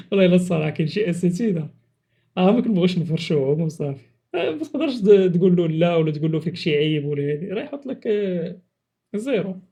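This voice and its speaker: A man's voice: high-pitched, big pitch swings, fairly quick, gravelly, pauses often, warm tone, breathy edge, muffled recording. A man with a Moroccan accent chatting casually and teasingly as he reacts to clips, with exclamations. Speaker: video creator reacting to funny clips.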